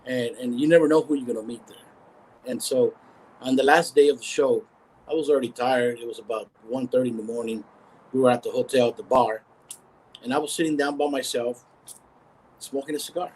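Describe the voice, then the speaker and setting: Company founder, male, mid-pitched, lively storyteller who restarts phrases; video-call sound with faint hiss. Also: a little fast, pauses often, rough recording. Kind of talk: casual storytelling in a live interview.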